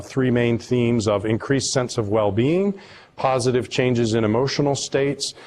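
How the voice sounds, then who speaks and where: Halting man giving a research lecture. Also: lowish voice, a little mellow, a little hiss or hum. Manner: halting, with many ums and restarts; reads patient quotes aloud, moved at times. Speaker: acupuncturist presenting research. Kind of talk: academic lecture presentation.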